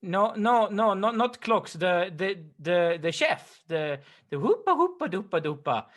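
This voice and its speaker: A man voicing a bumbling tourist cook with an exaggerated mock Swedish accent, talking in halting, stammering bits. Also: high-pitched, big pitch swings. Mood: earnest. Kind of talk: improvised comedy interview.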